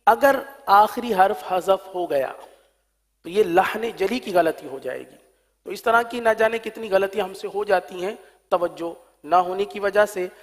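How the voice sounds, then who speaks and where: A man teaching Quran recitation, explaining quickly and then chanting the verses slowly and drawn out. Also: sits high, in a large hall. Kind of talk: tajweed lesson with chanted demonstrations.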